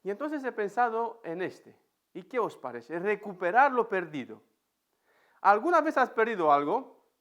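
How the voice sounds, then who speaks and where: A man's voice: high-pitched, very animated, moderate pace, a bit bright. A man with an accent from Spain, preaching a sermon in an empty church and telling a personal story vividly. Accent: Spain Spanish. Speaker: pastor.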